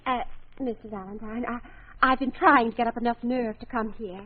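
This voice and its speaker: An actress playing a flustered, genteel society wife in 1940s radio drama, halting and melodramatic. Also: female voice, a little high, steady tone, lightly acted. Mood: anxious, embarrassed. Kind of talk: 1940s radio comedy-mystery acting. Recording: tinny, noisy old radio recording.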